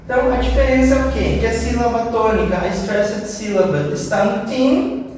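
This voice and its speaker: A man from Brazil teaching an English class, explaining step by step and repeating words slowly for drill. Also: extremely high pitch, darkish tone, distant mic, slight background noise. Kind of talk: classroom lesson. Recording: roomy echo, voice off-mic with long reverb.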